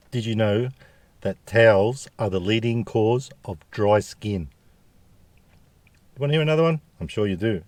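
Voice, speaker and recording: A man's voice: on the low side, a little mellow. A man with an Australian accent chatting casually to viewers as a food review vlogger, jokey and full of slang.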